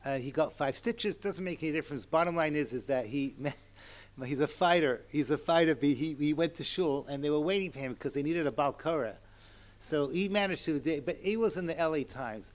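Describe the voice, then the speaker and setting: A man in his sixties giving a Torah lecture to an audience, animated and chatty, with asides and chuckles. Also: on the high side, moderate pace. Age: 60s. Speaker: rabbi and lecturer.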